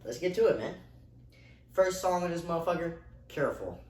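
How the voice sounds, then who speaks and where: Young male music reviewer, hyped and profane, mid pitch, distant mic in a roomy space. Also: brisk. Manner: excitable, heavy swearing, slangy. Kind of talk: casual reaction-style album review. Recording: echoey room, voice far from mic, faint hiss.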